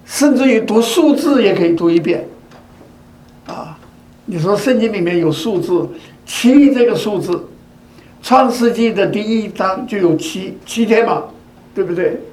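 A man's voice: high voice, expressive, unhurried, darkish tone. An older man giving a sermon, speaking in repeated phrases and asking rhetorical questions such as whether the listeners agree. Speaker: preacher. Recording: echoey room.

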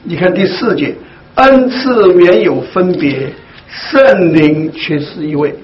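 A man leading a Bible study for his congregation, speaking slowly and deliberately with many hesitant fillers. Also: sits high, lively intonation. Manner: slow, deliberate, with frequent fillers. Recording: dull lo-fi recording, faint hiss.

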